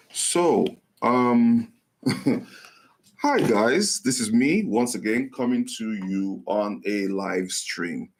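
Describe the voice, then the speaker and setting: Fields: Man, host. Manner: rambling livestream chat. Audio: livestream mic. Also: fairly low pitch. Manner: rambling and apologetic, with many ums and restarts. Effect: livestream microphone audio. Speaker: channel host.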